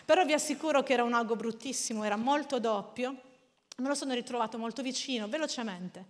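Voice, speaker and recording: Woman from preaching, high voice, lively storytelling, big church hall echo. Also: fast. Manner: animated, storytelling, laughs often. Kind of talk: sermon. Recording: long hall reverb.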